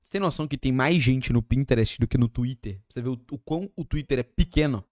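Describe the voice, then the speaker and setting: A young man with a Brazilian accent, streaming and reacting excitedly with lots of slang and exclamations. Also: mid-range voice, fast, soft background music. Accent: Brazilian Portuguese.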